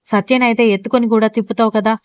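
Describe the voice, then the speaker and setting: Bossy, caring middle-aged mother-in-law, read by a woman; firm and scolding, quick and smooth. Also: on the high side, fairly even intonation, a little mellow, no echo, close to an everyday voice.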